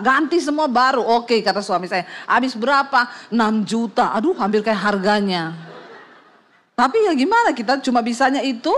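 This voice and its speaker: A middle-aged woman pastor, preaching through a comic personal story and acting out voices and sounds. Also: on the high side. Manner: lively, acts out voices and sound effects, laughs often.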